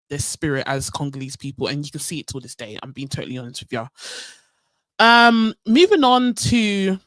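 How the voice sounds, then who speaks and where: A woman's voice: on the low side, no room sound. Chatty London woman hosting a live stream. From North London. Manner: chatty, many ums, asides to viewers. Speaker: livestream host. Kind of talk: casual live history talk.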